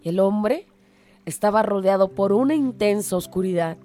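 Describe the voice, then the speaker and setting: A woman's voice: mid-range voice, animated, moderate pace, mellow, faint music behind. A woman hosting a show and telling a moral reflection story in an earnest, dramatic way. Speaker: radio host.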